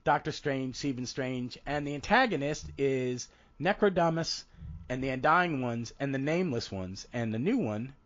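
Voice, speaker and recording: A man in his fifties, congested and froggy from a cold, hosts a casual podcast in a medium-pitched, somewhat bright voice with lively intonation at a moderate pace. He rambles and stops himself mid-thought, and the audio comes across dull.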